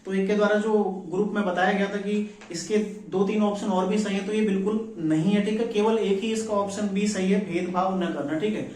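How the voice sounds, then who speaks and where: High-voiced man teaching in an echoey room. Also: fairly even intonation, brisk, few pauses, a little mellow, distant mic. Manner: repeats "ठीक है" often, asks then answers himself. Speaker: exam prep teacher. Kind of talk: solving exam practice questions.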